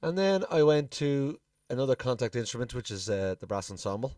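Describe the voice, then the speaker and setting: A man's voice: medium pitch, sing-song, fairly quick. A man giving a casual music production walkthrough, informal and thinking aloud as he presents. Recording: distant mic, music playing behind.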